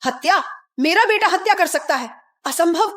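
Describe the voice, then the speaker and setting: A woman playing a frantic older mother in a dubbed drama, talking in a shrill, disbelieving way. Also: fairly even intonation, very fast. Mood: shrill disbelief. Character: frantic older mother defending her son.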